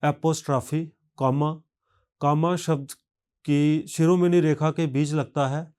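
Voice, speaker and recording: A man teaching a recorded language lesson, speaking carefully and pronouncing each example word deliberately. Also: on the high side, fairly even intonation, darkish tone, smooth. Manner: slow, careful, measured delivery.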